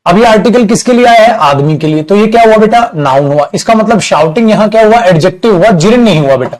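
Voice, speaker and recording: This high-pitched, animated man talks fast on a low-quality recording. Teaching an English grammar class with an Indian accent, he addresses students as "beta" and explains through repeated examples and little acted-out dialogues.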